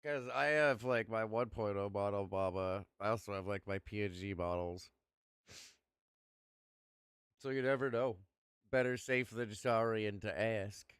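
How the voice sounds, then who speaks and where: A man's voice: on the low side, a little slow, long pauses, smooth, no echo. A young man streaming, chatting casually and rambling with lots of fillers and the odd swear word.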